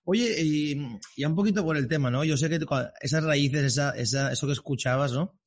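A man hosting a podcast interview, enthusiastic and halting, often repeating words as he builds his questions. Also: a little high. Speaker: podcast host. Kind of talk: casual interview.

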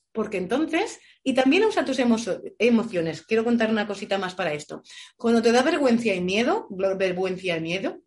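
A woman voice coach answering audience questions with lively, expressive advice. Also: on the high side. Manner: warm, expressive, illustrates with shouts and playful voices. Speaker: voice coach guest.

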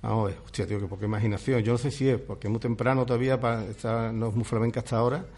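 Easygoing guest, self-deprecating. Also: male voice, medium pitch, steady tone, rapid-fire, a little mellow. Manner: easygoing, self-deprecating, says 'tío' often. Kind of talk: casual radio chat. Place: radio studio.

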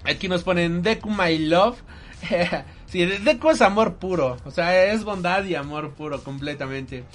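A man's voice: sits high, normal speed, faint music behind. A man, talking casually and emotionally about an anime with many fillers. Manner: animated, emotional, filler-heavy. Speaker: anime reviewer co-host. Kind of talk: casual chat.

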